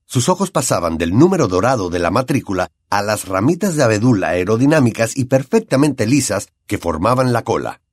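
A man with a Latin American Spanish accent reading an audiobook with expressive storytelling, on a close studio mic. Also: on the low side, a little fast, few pauses, dry recording. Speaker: audiobook narrator. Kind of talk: scripted narration.

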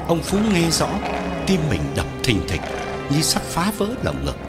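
A male narrator tells a ghost story in a slightly raised voice with wildly sweeping intonation. Loud music plays under the whole reading. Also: on the high side, wildly swooping pitch, unhurried. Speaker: audiobook narrator.

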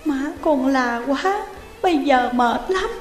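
A woman's voice: high voice, expressive, brisk, darkish tone, pitched above the performer's own voice. A woman voicing a small frightened girl, begging breathlessly and sobbing. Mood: pleading, tearful. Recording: roomy reverberant room, faint music.

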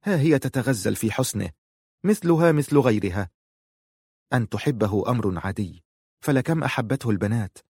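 A man narrating a novel in a measured, emotive way. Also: mid-range voice, lively intonation, darkish tone, breathy edge, no room sound, studio quality. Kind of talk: audiobook narration.

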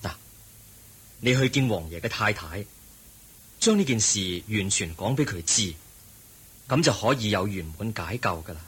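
A man with a Hong Kong Cantonese accent playing the Buddha as a calm, gentle and wise teacher in a radio drama. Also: fairly low pitch, slightly rough, exaggerated voice. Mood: calm counsel. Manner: gentle, measured, preaching.

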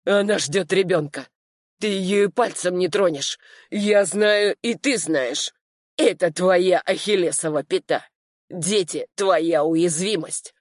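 Casting: reader doing an enraged, cornered man, yelling, raised pitch, dry booth sound. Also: moderate pace, no room sound, lightly acted. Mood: desperate shouting. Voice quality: yelling, strained. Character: cornered furious man, defiant and shouting. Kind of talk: audiobook dialogue acting.

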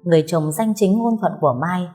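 A woman storyteller giving calm, expressive scripted audiobook narration. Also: lowish voice, fairly quick. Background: faint music.

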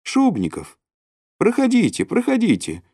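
A woman's voice: medium pitch, huge pitch swings, unhurried, dark tone, husky, dry recording, studio quality, pitched above the performer's own voice, exaggerated voice. A man reading an audiobook, voicing a cool, sly woman who lures a nervous man, with coaxing, raised calls. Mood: calling.

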